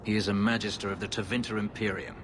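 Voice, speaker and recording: A fast-talking man with a fairly low pitch and level tone voices a brooding elf warrior who escaped slavery, keeping a natural voice. The video game dialogue is grave, formal and terse, with a noisy background and score underneath.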